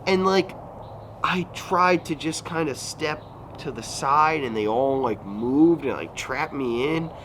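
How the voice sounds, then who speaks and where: Speaking slowly in a voice on the high side with a fairly bright tone, a YouTuber in his thirties rambles casually in a vlog full of fillers and self-corrections. He's outdoors at a resort recreation area, and passing vehicles make the recording noisy.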